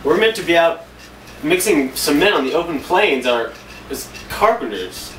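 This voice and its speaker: A man's voice: fairly high pitch, expressive, moderate pace, a bit bright. A young man playing a defensive, restless grown son. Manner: defensive, exasperated. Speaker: student actor. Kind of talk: amateur scene acting. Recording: roomy, distant camera mic, faint hiss.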